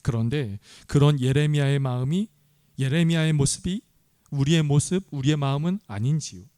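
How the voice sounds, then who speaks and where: A man delivers a sermon, turning often to the congregation with questions. His voice is clear and resonant and pitched somewhat high, and the sound is close and dry with no room echo. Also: normal speed, warm tone. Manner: earnest, asks the congregation questions. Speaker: pastor.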